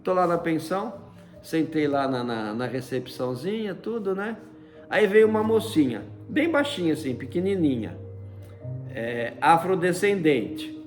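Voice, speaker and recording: A man's voice: fairly high pitch, animated, a little slow, soft background music. A man casually telling a personal story in a chatty way, often tagging "né?" and using fond diminutives. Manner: chatty, fills with frequent "né?"; uses many fond diminutives. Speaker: storyteller recounting a personal experience.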